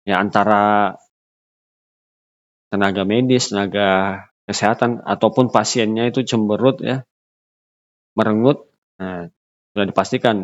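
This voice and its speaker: Low-voiced man giving a lecture. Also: lo-fi sound. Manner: unscripted, halting with fillers and restarts. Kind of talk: recorded lecture.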